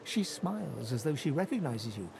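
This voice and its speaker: A man reading the scripted narration of a video game in a measured storyteller's manner. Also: mid-range voice, very animated, gravelly, background noise. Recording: game music behind.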